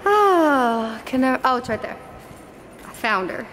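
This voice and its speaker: A woman's voice: high voice, big pitch swings, fairly bright tone, slight background noise. Chatty young woman vlogging to camera. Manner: chatty, upbeat, quick asides and laughs. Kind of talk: casual vlog chat to camera. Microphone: phone or camera held at arm's length.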